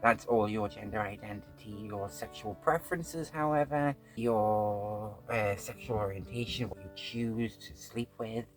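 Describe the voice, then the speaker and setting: A woman's voice: extremely low pitch, unhurried, few pauses, faint music behind. A woman hosting a casual reaction video, talking frankly with plenty of fillers and restarts. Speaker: host.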